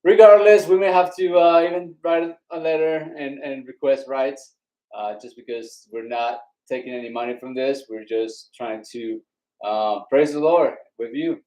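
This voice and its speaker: Co-hosting an online worship live stream, an accented Colombian man rambles casually and fills his talk with fillers. He has a mid-range, darkish voice with fairly even intonation and a moderate pace, and the stream on phones and devices sounds low-quality.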